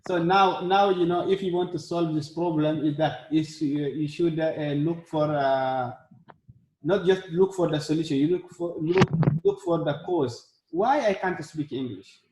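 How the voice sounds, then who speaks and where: A man's voice: on the high side, unhurried. A man hosting a casual language practice session, encouraging and repeating his words as he talks. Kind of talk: casual group conversation. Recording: echoey room with faint noise.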